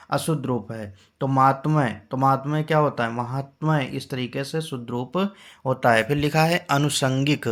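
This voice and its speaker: A male teacher giving an exam-prep spelling lesson, patiently drilling each word and quizzing his class with rhetorical questions. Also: a little high.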